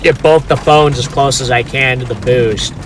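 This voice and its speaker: A man's voice: medium pitch, moderate pace. A man giving casual, informal livestream commentary as a storm chaser, talking to his chat from inside a car. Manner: informal, talks to chat while watching storm. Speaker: storm chaser live streamer. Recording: noisy car with outdoor ambience.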